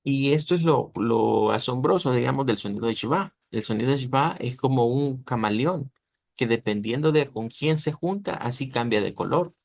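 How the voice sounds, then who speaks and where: A Latin American man teaches an online language class on pronunciation, explaining patiently and repeatedly checking that his students follow. His medium-pitched voice is animated and creaky, moderately paced, with no room sound.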